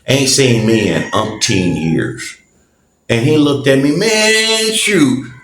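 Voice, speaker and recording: Man, middle-aged, podcast storyteller, slangy, chatty, slow, echoey room, faint hiss. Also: mid-range voice, very animated. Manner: slangy, talks straight to listeners, chuckles. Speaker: podcast host. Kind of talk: casual storytelling monologue. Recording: roomy echo, faint noise.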